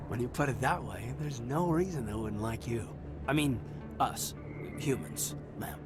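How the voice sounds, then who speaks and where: A man's voice: mid-range voice, measured pace, over loud music, lightly acted. An actor playing an earnest young male lieutenant who talks in an eager, slightly awkward way. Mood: flustered.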